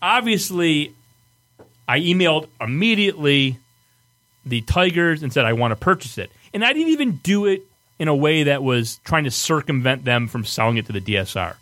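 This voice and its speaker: A man with a Michigan accent tells stories as a casual podcast host. His voice sits a little high and moves around a lot in pitch. He swears freely and sounds exasperated. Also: lively intonation, normal speed, a bit bright. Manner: profane, exasperated storyteller. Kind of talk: casual storytelling banter.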